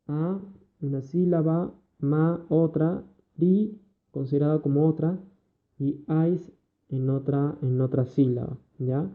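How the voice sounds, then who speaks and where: A male primary school teacher with a Peruvian Spanish accent, giving a recorded online lesson over slides and explaining step by step, checking in with his pupils often. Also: fairly high pitch. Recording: tinny phone-like audio.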